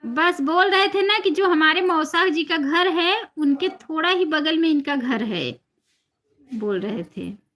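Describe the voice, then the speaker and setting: Slow-talking woman chatting on a live stream. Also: high voice, animated. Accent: Awadhi-flavored Hindi. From Uttar Pradesh, India. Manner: greets viewers by name, repeats blessings softly. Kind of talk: casual live-stream chat reading comments.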